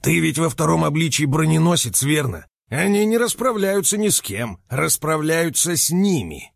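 A man voicing a cold, calculating male villain who speaks in a calm, mocking way. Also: a little high, a little slow, vocal fry, husky, no room sound, clean studio sound, pitched above the performer's own voice, heavily acted.

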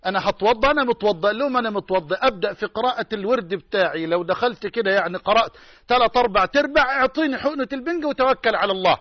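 A man's voice: sits high, expressive, rapid-fire, no room sound, lo-fi sound. A male preacher with an Egyptian Arabic accent delivering an emphatic sermon and repeating key phrases for stress.

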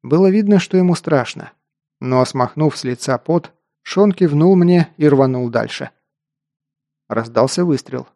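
Gravelly male audiobook narrator. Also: fairly high pitch, a little slow, warm tone, no echo, clean studio sound. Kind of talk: first-person action narration.

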